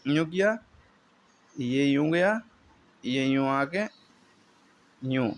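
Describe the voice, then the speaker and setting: A man's voice: medium pitch, lively intonation, drawn-out words. A man teaching the alphabet in a classroom lesson, explaining patiently step by step and drilling each sound for a pupil to repeat.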